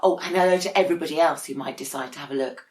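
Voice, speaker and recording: A teacher with a low, slightly mellow voice reads a children's storybook aloud expressively, using dramatic pauses. She's in an echoey room.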